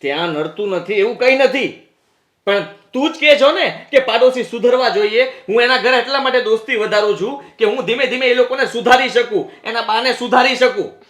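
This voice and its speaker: A man's voice: very high voice, a little fast, roomy sound. An actor playing a husband who defends himself against his wife in a family drama, pleading and then losing his temper. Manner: pleading then shouting in anger. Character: defensive husband, quick to anger. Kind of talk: Gujarati short-film family drama acting.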